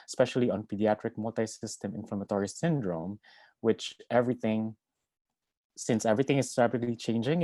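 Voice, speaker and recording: Man moderating over a video call, low and dark. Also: no echo. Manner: reads out speaker bios in a steady, measured way. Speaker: webinar moderator and family physician. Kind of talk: formal webinar introduction.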